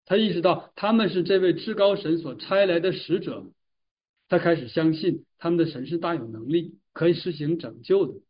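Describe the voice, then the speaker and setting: A man giving a Bible exposition, retelling and explaining a passage in a measured storytelling way. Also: fairly high pitch, breathy edge. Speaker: Bible teacher. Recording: distant mic, dull lo-fi sound.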